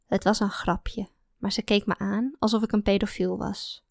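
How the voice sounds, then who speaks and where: A woman's voice: mid-range voice, fairly even intonation, normal speed, creaky, a little mellow, dry recording, studio quality. A woman reading a first-person story aloud in a confiding, introspective manner. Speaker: audiobook narrator. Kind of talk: first-person scripted narration.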